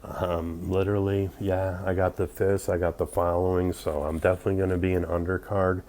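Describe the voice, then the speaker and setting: A man in his fifties with a deep, dark voice chats loosely to a livestream. He sounds drunk, boasting and drifting from thought to thought. There is faint noise behind him. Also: flat delivery, brisk. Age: 50s. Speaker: livestream host. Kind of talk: rambling casual livestream chat.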